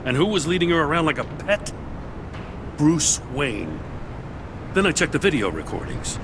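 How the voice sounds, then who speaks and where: A hard-boiled, middle-aged police commissioner from a video game. He is gruff, indignant and blunt, with lively swings in pitch over a clear rumble of noise. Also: moderate pace. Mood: accusing, insistent.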